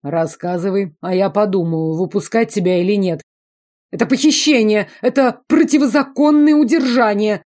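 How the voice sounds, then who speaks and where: A woman voicing a whiny, cowardly young nobleman from a fantasy audiobook, whining in shrill protests. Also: moderate pace, a little mellow, lightly acted.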